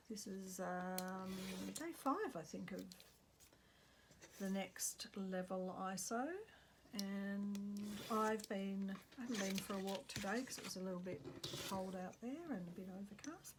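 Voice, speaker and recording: A woman's voice: medium pitch, a little slow. An Australian woman chatting casually as she crafts, thinking aloud and murmuring to herself as she works. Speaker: craft vlogger. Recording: clear background noise.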